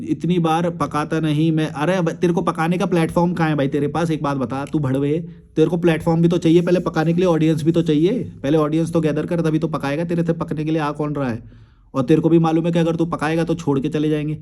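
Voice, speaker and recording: A man's voice: fairly high pitch, dark tone. A young man, a YouTube creator, replying to viewer comments in a blunt, crude and combative rant with frequent swearing.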